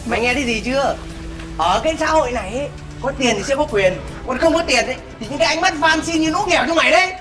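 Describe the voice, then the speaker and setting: A man's voice: very high-pitched, animated, quick pace, music in the background. A man playing a boastful rich bully. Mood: mocking. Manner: mocking, boastful. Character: rich, arrogant male company director. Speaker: actor. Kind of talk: web skit drama.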